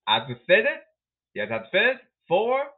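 A man's voice: high-pitched, big pitch swings, measured pace. A man hosting a solo sports podcast rundown, calling out in a repetitive, announcer-like way. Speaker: podcast host. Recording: tinny phone-like sound.

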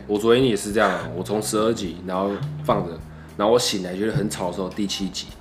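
A man's voice: fairly low pitch, fairly even intonation, quick pace, over music. A young man with a Taiwanese Mandarin accent chatting casually as a podcast guest, playful and talkative, often repeating himself. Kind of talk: casual chat.

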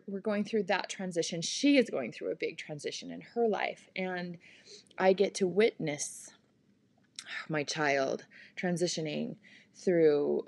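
A woman in her forties hosting a podcast, talking through personal changes in a gentle, thoughtful way with many pauses and fillers. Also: on the low side, gravelly, no echo. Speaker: podcast host. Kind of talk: reflective personal monologue.

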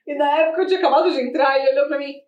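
A Brazilian woman with a fairly high voice and a Brazilian Portuguese accent tells lively work stories in casual chat. She laughs often and acts out other people's lines. She sounds roomy and a little distant from the mic. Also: racing, highs cut off.

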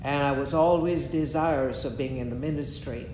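Older man preaching, echoey. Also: a crowd in the background. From Guyana. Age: 70s. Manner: measured, pausing after each phrase. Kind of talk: sermon delivered in short phrases for an interpreter. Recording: echoey room with a faint rumble.

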